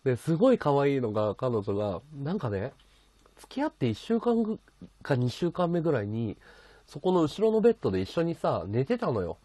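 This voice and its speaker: A man's voice: medium pitch, sing-song, fairly quick, warm tone, dry recording. A man hosting a casual livestream from his bedroom, chatting and thanking his viewers as he reads their comments. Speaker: livestream host. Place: bedroom at home.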